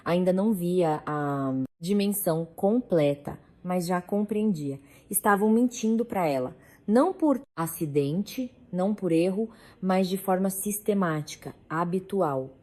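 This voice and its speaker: A woman reading a dramatic story aloud in a calm, measured narration. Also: on the low side.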